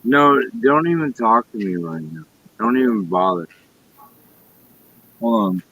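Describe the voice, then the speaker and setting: A man's voice: on the low side, very animated, measured pace, a bit bright, slight background noise, rough recording. A man chatting on a friend's live stream, swearing and rambling agitatedly. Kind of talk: casual live-stream chat.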